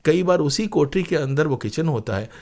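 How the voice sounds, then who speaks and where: This interview guest, an Indian playwright who used to work in radio, has a higher-than-average, animated and somewhat mellow voice at a moderate pace. Reflective and earnest, he recounts stories using rhetorical questions and phrases he repeats for emphasis.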